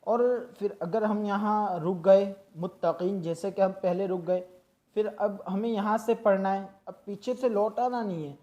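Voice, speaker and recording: A teacher with a mellow, darkish voice walks through a Quran reading lesson, explaining each rule patiently. Syllables are stretched out slowly to show how they should sound. The recording is dull and lo-fi. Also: medium pitch, fairly even intonation. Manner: patient and instructive, drawing out syllables to demonstrate. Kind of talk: tajweed lesson, explaining and slowly demonstrating recitation.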